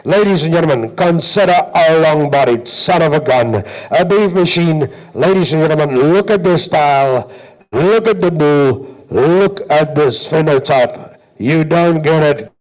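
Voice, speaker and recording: A South African livestock auctioneer chants in a rhythmic, repetitive way, with showy, emphatic sales patter. His voice is fairly high and darkish, at a measured pace, on a low-quality recording.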